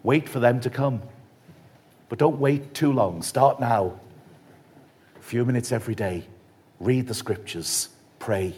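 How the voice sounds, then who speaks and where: A man preaching a retreat sermon, telling a story in a measured, reflective way. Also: medium pitch. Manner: measured, reflective, softly emphatic.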